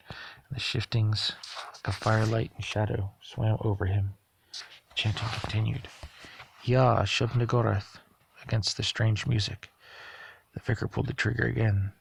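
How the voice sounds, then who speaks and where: A man narrating a novel aloud at a steady pace, sometimes stumbling over a word and correcting himself. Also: fairly low pitch, vocal fry, breathy edge, no echo. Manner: steady reading with occasional stumbles and self-corrections. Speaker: audiobook reader. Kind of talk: audiobook narration.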